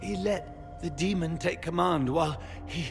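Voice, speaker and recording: A broken knight gasps out his words slowly through a gravelly rasp. He sounds weak and in pain, his voice ringing with long reverb as if in a stone chamber. The delivery is a game cutscene performance. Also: a little high, music in the background. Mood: bitter. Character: dying male knight, tortured and bitter. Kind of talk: video game voice acting.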